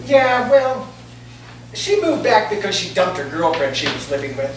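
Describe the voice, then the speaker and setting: A woman playing a blunt, plain-spoken patient in a staged play, talking in a halting, colloquial way. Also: medium pitch, big pitch swings, lightly acted. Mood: guarded, wry. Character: blunt, plain-spoken cancer patient, parent of grown daughter. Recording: very echoey room, distant mic, clear noise.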